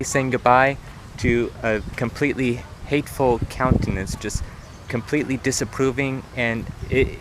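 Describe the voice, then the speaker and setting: A man's voice: mid-range voice, noisy background. Earnest young man vlogging outdoors. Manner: earnest, repetitive retelling with many restarts. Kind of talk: walking vlog storytelling. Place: outdoor park near traffic.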